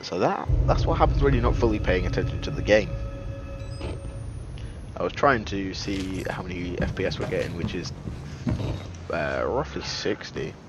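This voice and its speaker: Deep-voiced man streaming a game. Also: expressive, normal speed, pauses often, lo-fi sound, over loud music. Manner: chatty, joking, self-deprecating, many fillers. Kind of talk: casual gameplay commentary.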